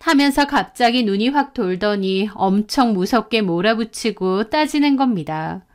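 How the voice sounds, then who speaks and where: A woman narrating a personal story in a calm, confiding first-person retelling. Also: mid-range voice, a little slow.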